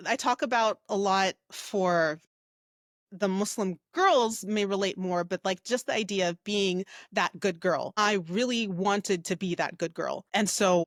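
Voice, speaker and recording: A woman from the United States speaks as a guest coach, reflective and unhurried in her storytelling. Her speech is full of fillers and checking tag questions. The sound is close and dry with no room echo. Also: mid-range voice. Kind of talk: casual interview talk.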